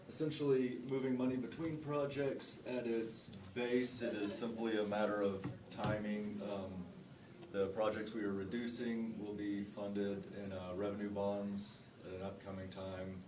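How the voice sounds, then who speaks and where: A man's voice: fairly low pitch, little pitch movement, crowd noise. A man, a city budget official, explaining budget items formally at a public meeting with frequent hesitations. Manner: measured, frequent uh fillers, formal. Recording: roomy council chamber, distant mic, background noise.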